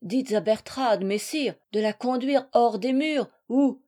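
An earnest young prisoner pleads with quiet worry, as a woman reads him aloud. The storybook voice sits a little high and stays sincere. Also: takes it slowly. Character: anxious young male Huguenot prisoner, earnest.

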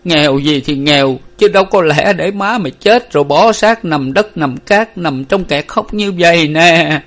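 A man's voice: fairly high pitch, normal speed, voice pushed up. A man playing a grief-stricken older father in a storybook reading, choked and lamenting. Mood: mournful lament.

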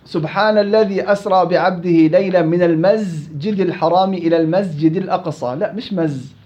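A man teaching Quran recitation rules to students in a classroom. He corrects them, repeats syllables to demonstrate each sound, and recites verses slowly. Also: high-pitched, a little mellow. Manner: slow, drawn-out recitation of verses. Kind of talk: tajweed lesson with students. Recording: dull lo-fi recording.

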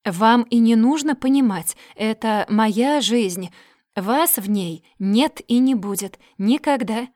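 A woman voicing a defiant, sharp-tongued young woman who answers curtly and firmly in an audiobook. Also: fairly high pitch, animated, takes it slowly, dry recording, studio quality. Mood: cold.

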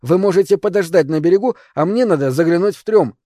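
A man's voice: high voice, lively intonation, fast, dark tone, no room sound, clean studio sound, pitched above the performer's own voice. A man voicing a confident, headstrong young woman who speaks in a raised, insistent way. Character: bold young woman, sure-footed, headstrong.

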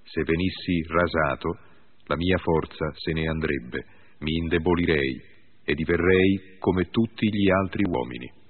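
A mighty strongman from a Bible story answers slowly and gravely, as a man reads his part. The voice is very deep and husky. The sound is narrow and tinny, like a phone line. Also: heavily acted. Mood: solemn. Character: mighty long-haired strongman Samson.

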